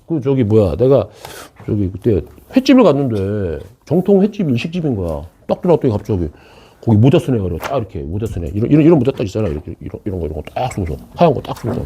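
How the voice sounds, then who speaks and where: A man's voice: fairly low pitch, sing-song, fast, warm tone, breathy edge. A male math teacher giving a classroom lecture, chatty and joking with his students and often checking they follow.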